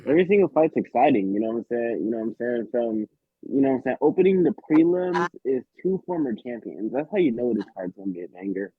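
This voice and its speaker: A man's voice: mid-range voice, big pitch swings, quick pace, no room sound. A man co-hosting a casual sports podcast, hyped and repeating his phrases. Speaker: podcast co-host. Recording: husky, dry, phone-like sound.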